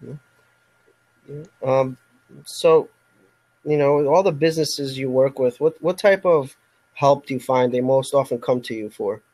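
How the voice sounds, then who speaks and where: A man's voice: mid-range voice, measured pace, pauses often, darkish tone, no room sound, rough recording. A man co-hosting a podcast interview, speaking in a reflective, thoughtful way. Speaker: podcast co-host.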